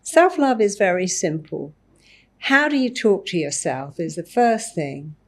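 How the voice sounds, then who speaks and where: A woman therapist on a podcast interview, talking in an animated way and acting out examples of self-talk. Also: lowish voice, unhurried. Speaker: therapist guest.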